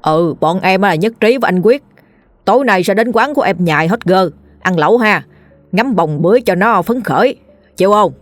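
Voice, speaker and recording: A woman voicing a mischievous youngest brother who teases loudly. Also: fairly low pitch, lively intonation, moderate pace, pauses often, no room sound, faint music behind, lightly acted. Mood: teasing. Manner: teasing, loud on purpose.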